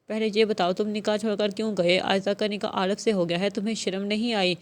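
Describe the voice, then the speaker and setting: A domineering, bitter mother from a spoken novel, cold and harsh with her disobedient son, read by a woman in a mid-pitched voice. The delivery keeps close to the narrator's own. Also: fairly even intonation, lightly acted. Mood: cold, angry.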